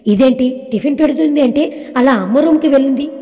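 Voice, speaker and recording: Woman reading as a grumbly young husband, brusque, mellow highish voice, long reverb. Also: a little fast, natural voice. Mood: grumbling.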